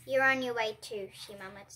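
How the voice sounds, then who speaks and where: A young girl reads a picture book aloud at normal speed, her voice high, clear, bright and sharp the whole way through. She gives the dialogue expression, raising her tone for each character as a storybook reader would.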